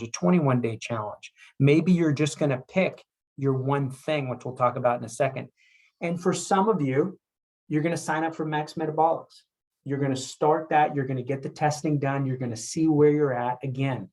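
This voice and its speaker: A man, a chiropractor, giving a motivational health talk with energetic, repetitive urging. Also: medium pitch.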